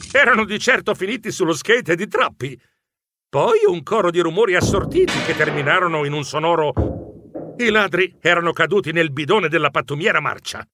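A man narrating a children's story in an expressive, animated way. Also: a little high. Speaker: audiobook narrator.

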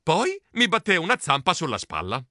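A man reading a children's storybook aloud in a playful, animated way. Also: fairly high pitch, moderate pace, dry recording, studio quality. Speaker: audiobook narrator.

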